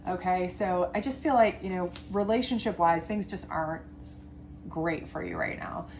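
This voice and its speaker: Her voice is lowish and darkish in tone, moving at normal speed, and stuffy from a sinus infection. As a tarot reader, she chats reassuringly through a love reading on camera with plenty of fillers and tangents.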